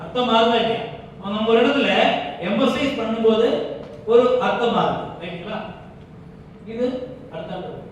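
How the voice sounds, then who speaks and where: Teaching a public speaking workshop with demonstrations, a woman with a voice on the high side talks at a normal speed and pauses often. She explains, then checks with frequent questions that everyone understands. It's lo-fi with background noise, recorded in an echoey hall on a distant mic with faint ambience.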